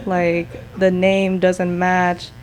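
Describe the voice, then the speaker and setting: A woman's voice: fairly low pitch, completely flat delivery, extremely slow, a little mellow. A young woman, a tattoo artist, chatting on a podcast and telling stories in a laid-back way with many fillers. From Prince George's County, Maryland, US. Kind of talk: casual podcast chat.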